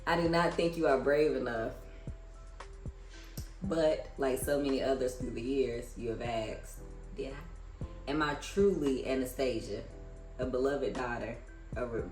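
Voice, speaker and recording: Hosting a read-aloud, an American reader and reviewer speaks unhurriedly in a mid-range voice. Faint music plays in an echoey room, and casual conversational comments break up the reading.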